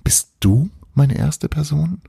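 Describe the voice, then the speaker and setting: A man's voice: a little high, animated, slow pace, vocal fry, warm tone, slightly rough, no room sound, clean studio sound, voice pushed up, heavily acted. A man reading a storybook, voicing a confused, anxious young woman who pleads and asks questions. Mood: bewildered.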